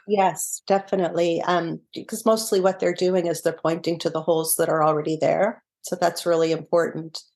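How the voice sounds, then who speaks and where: A middle-aged woman with a slightly low voice, a guest author in a podcast interview. She talks in a reflective, unhurried way, laughs easily and often circles back to restart a thought. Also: little pitch movement, a little mellow.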